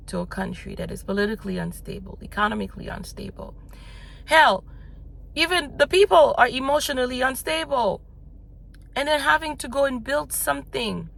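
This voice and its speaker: A woman's voice: a little high, gravelly, a bit bright. A woman who grew up in the United States, talking in a motivational vlog as a business coach. She is blunt and swears casually, rambling loosely with lots of fillers and restarts.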